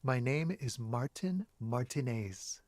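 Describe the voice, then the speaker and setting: An actor playing a nervous young man on a balcony in a game, speaking quietly and evasively. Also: medium pitch, animated, takes it slowly, dry recording. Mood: guarded. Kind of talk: game voice acting.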